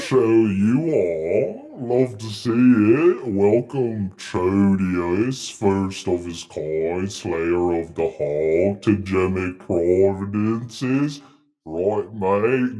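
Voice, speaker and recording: A man's voice: low voice, darkish tone. A man voicing a wary, lonely talking ship that keeps calling people mate, in a tabletop game. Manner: drawling, keeps saying mate and right.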